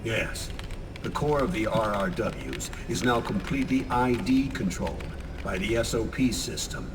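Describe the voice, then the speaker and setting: A man's voice: lowish voice, moderate pace, long reverb tail, recorded from a distance, noisy background, close to an everyday voice. A man playing an older military commander who gives a grave, commanding mission briefing in a video game. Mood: grave, explanatory.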